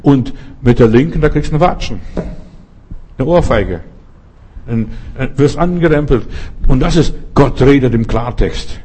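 A man's voice: medium pitch, animated, moderate pace, long pauses, warm tone, slightly rough. A man preaching a sermon in an earnest, direct way, speaking straight to each listener.

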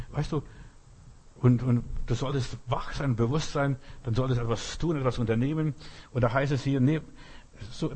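Husky-voiced older male preacher. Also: mid-range voice, darkish tone. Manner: informal preaching, often asks "verstehst?", tells personal stories. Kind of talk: sermon.

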